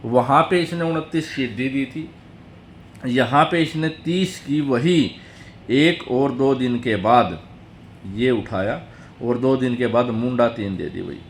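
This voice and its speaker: A man hosting a tutorial video, chattily calling viewers brother and friends as he steps slowly through number patterns. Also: mid-range voice, slight background noise.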